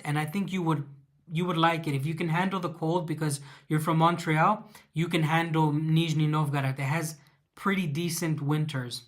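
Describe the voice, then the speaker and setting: A man with a Mexican accent hosts a casual live Q&A, reading viewers' questions aloud and answering with fillers and restarts. His voice is a little high with a fairly bright tone.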